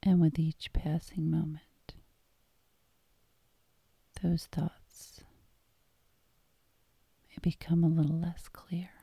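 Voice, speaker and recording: Woman, hypnosis guide, calm meditative tone, soft near-whisper, breathy, low-pitched, even intonation. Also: slow pace, long pauses, dry recording. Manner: calm, soothing, meditative delivery.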